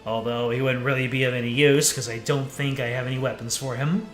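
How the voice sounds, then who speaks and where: A man's voice: mid-range voice, fairly even intonation, brisk. A man streaming a game and chatting in a rambling, casual way between story lines. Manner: rambling, chatty, filler-heavy. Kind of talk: let's play commentary. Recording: echoey room, faint music.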